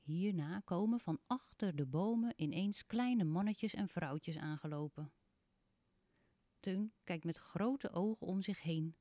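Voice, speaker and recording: A woman narrating a reading lesson and reading a children's story in a clear, measured way. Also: fairly low pitch, dark tone, no room sound.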